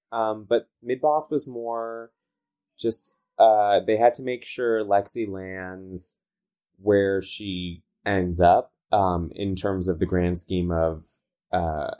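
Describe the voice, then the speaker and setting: A man with a low voice speaks in a Southern Californian accent. He chats casually as an interview guest, with valley girl phrasing that leans heavily on "like". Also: steady tone, slow pace, a little mellow. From Southern California, United States. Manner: valley girl talk, peppered with "like". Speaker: interviewed comic book writer.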